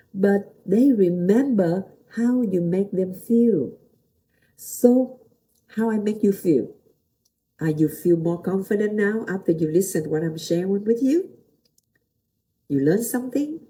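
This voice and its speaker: Speaking in a warm, mid-range voice on a low-quality recording, a middle-aged woman from Vietnam hosts a motivational talk. She's a teacher and pastor whose simple non-native English carries a Vietnamese accent, with short repeated phrases and direct questions to listeners.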